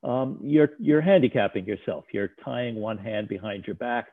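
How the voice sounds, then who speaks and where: A male lecturer talks an audience through slides, drifting through his points with plenty of uh and um fillers and restarts. His voice sits at a mid pitch for a man. The sound is narrow and phone-like, dry with no room around it. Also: normal speed, dry recording. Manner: discursive, frequent uh and um fillers, restarts. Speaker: lecturer on risk communication.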